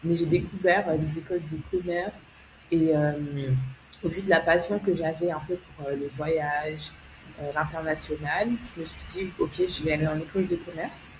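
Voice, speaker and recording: On a rough recording with slight background noise, a young tech founder and consultant from France tells her story as an interview guest. Her low voice holds a steady tone at normal speed, though she hesitates, restarts, uses many fillers, and laughs readily.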